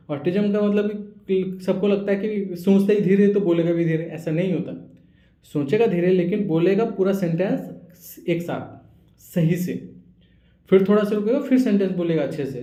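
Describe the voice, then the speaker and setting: A man's voice: sits high, mellow, echoey room. A man who works as a speech therapist, explaining to parents how to build communication skills in children, often checking that they follow. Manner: explanatory, repeats "samajh rahe ho?" to check understanding. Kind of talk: teaching talk to parents. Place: therapy center room.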